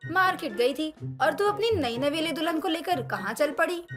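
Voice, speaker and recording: A woman's voice: high voice, expressive, moderate pace. A woman voicing a sly, teasing middle-aged neighbor who mocks others. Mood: mocking. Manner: mocking, sly. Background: background music.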